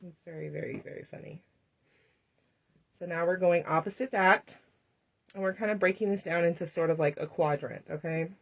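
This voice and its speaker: A woman's voice: on the low side, normal speed, gravelly, long pauses, lo-fi sound. Chatty woman demonstrating a craft. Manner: chatty, laughs often, talks directly to viewers. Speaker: craft tutorial host. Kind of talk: live craft demonstration chat.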